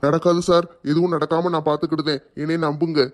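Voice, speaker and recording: Quick, monotone man reassuring. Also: on the high side. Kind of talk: family skit acting.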